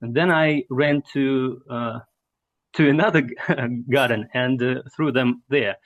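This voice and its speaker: Slow-talking man on a dull call. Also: mid-range voice. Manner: halting, searching for words. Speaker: study group participant. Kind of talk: telling a personal story in an online discussion.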